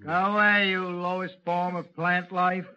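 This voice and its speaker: A man's voice: high voice, level tone, a little slow. A man doing 1930s radio comedy as a columnist, blustering and grumbling asides. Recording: old lo-fi radio recording with hiss.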